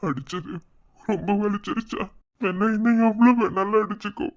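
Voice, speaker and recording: A woman's voice: mid-range voice, normal speed, close to an everyday voice. A woman voicing a young cartoon husband who pleads with tearful apologies, on a dull lo-fi recording. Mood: remorseful. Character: young husband, remorseful after drinking. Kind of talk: cartoon voice acting.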